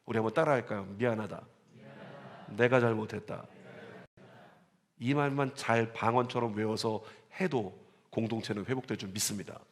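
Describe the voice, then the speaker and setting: A man's voice: on the low side, brisk. Male pastor preaching in a reverberant church. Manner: animated preaching, calls on congregation to repeat and read aloud. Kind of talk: sermon. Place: church sanctuary. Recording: church sanctuary with long reverb.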